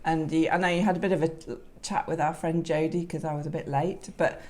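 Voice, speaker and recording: A woman with a South Island New Zealand accent, co-hosting a podcast in casual, halting talk that often repeats phrases. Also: sits low, fairly even intonation, darkish tone. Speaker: co-host of a knitting and crafting podcast. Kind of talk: casual unscripted co-host chat.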